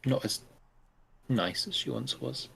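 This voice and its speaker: A man playing a tabletop role-playing game, improvising dialogue in a halting, hesitant way. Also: mid-range voice, gravelly, pushed and bright, slightly rough.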